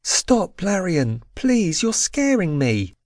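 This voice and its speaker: A man voicing a haughty, spoiled young princess in an audiobook, with shrill, indignant protests. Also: huge pitch swings, normal speed, darkish tone, dry recording, clean studio sound. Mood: frightened. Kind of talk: audiobook character voice.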